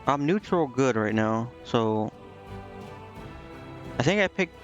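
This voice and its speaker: A game streamer casually commentates his live gameplay, reading on-screen text aloud and dithering over decisions as he thinks out loud. His medium-pitched voice is expressive and slow, and the recording has its highs cut off. Game music plays behind him.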